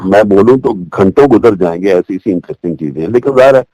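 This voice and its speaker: A man's voice: fairly low pitch, quick pace, dry recording, low-quality recording. An older man, a former newsreader from Pakistan, telling stories from his broadcasting days in an easygoing interview. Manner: relaxed storyteller, acts out remembered lines. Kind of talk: reminiscing interview talk. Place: living in the United States.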